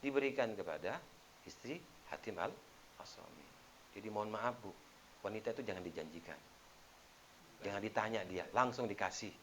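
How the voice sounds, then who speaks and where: A low-voiced man preaches a sermon as an ustadz, his pitch swinging widely as he tells stories. He acts out the quoted lines in sudden loud bursts. A faint hiss sits under the recording. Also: lively intonation, moderate pace, long pauses.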